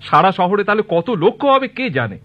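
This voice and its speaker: A man's voice: high-pitched, very animated, a little fast. An actor playing a callous, complaining male junior municipal worker, exasperated in a comic audio drama. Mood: wry complaining. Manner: exasperated, agreeable to his colleague. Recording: dull lo-fi recording.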